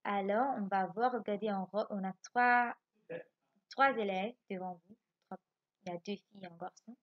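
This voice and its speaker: A Mauritian French schoolteacher takes young pupils through a remote lesson step by step, pausing to check they understand. Her voice sits in the middle range for a woman. The home recording sounds a little dull. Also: medium pitch, steady tone. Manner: slow, patient explaining with frequent checks for understanding. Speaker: primary school teacher.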